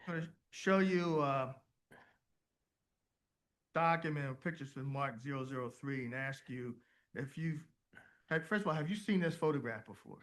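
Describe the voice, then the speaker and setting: A man's voice: a little high, normal speed, pauses often, fairly bright tone. A man formally questioning a witness as a lawyer at a hearing.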